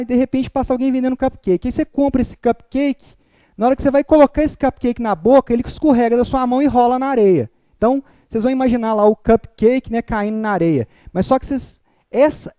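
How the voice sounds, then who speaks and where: High-pitched chatty memory teacher, man. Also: mellow, no room sound, muffled recording. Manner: upbeat, chatty teaching with repetition drills. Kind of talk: online memorization lesson.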